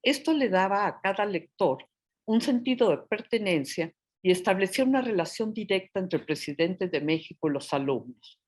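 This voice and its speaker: A woman reading a prepared history lecture aloud, careful and measured, slowing down to sound out Nahuatl place names. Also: medium pitch, animated, a little mellow. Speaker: historian presenting her book.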